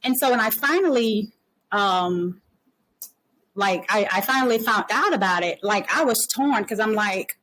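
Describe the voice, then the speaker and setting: A woman speaking hosts a casual panel chat at a middle pitch. She tells her stories loosely, full of "you know" and "like". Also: lively intonation, measured pace, a bit bright, low-quality recording. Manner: conversational storytelling with frequent "you know" and "like". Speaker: podcast host.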